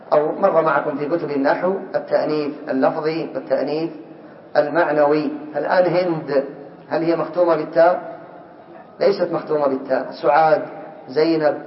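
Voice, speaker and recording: A man teaching a classroom lesson. He reads a text aloud slowly, then explains it and puts questions to his students. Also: fairly high pitch, fairly even intonation. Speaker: teacher of Arabic morphology. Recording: echoey, dull lo-fi classroom recording.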